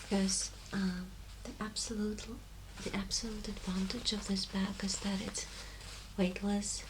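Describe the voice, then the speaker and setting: Casting: woman, soft-spoken voice, very unhurried, ASMR role-play as shop assistant, noisy recording. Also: medium pitch, little pitch movement. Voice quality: soft, breathy voice, often soft-spoken. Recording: clear background noise.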